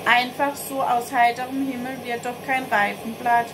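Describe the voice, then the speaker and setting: A woman voicing a cheerful, chatty schoolgirl in a storybook reading, bright and eager. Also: a little high, little pitch movement, moderate pace, noisy background, lightly acted.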